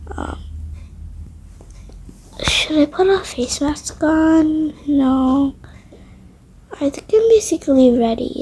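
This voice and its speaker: A young-sounding woman, a roleplay video creator, narrates a casual improvised game roleplay in a high voice, hushed and hesitant, often trailing off into whispers. The recording quality is low.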